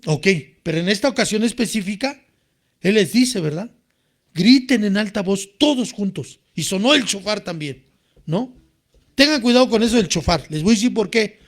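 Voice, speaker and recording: A man preaching a sermon in an animated way, rising to near shouts when he quotes people crying out. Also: sits high, normal speed. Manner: animated, rises to shouting when quoting cries.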